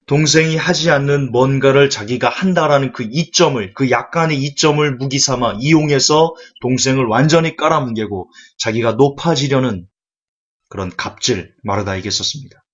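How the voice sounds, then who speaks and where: A man's voice: medium pitch, normal speed. Man preaching a sermon, emphatic, asks questions, muffled dull audio.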